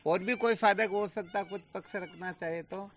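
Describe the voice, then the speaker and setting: A man's voice: high voice, steady tone, moderate pace, slight background noise. A man acting as a spiritual teacher, giving a patient, explanatory online discourse full of rhetorical questions. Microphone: video call. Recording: dull lo-fi online call audio.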